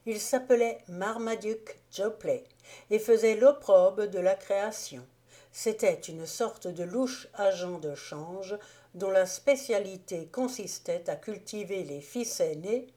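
A woman narrating an audiobook novel in a measured, even storytelling manner. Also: lowish voice. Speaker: audiobook reader. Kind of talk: scripted narration.

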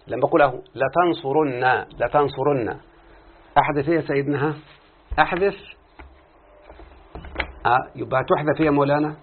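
Man, Egyptian Arabic accent, grammar teacher, quizzes students step by step, husky voice, tinny phone-like audio. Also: on the high side. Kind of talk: religious classroom lesson.

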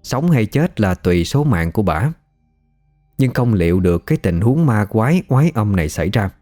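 A man, narrating a ghost story in a steady, measured way. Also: fairly low pitch, soft background music.

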